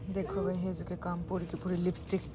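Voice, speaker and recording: A woman's voice: on the low side, level tone, a little fast. Chatty woman vlogging. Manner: chatty, addresses viewers directly, mixes in English. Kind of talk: casual vlog chat. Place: outdoors in rain, then at home. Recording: noisy outdoor phone recording.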